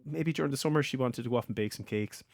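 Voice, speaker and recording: A man's voice: mid-range voice, fast talker, gravelly, no echo. A middle-aged man hosting a podcast, chatting casually and rambling a little with restarts. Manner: rambling, self-interrupting storyteller. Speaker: podcast host. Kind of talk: casual panel chat.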